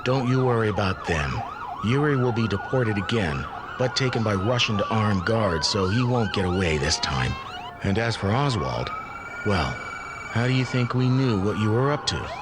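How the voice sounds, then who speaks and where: An actor playing a calm, matter-of-fact middle-aged police commissioner in an audio drama. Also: male voice, on the low side, normal speed, very noisy, lightly acted. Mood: dry, satisfied.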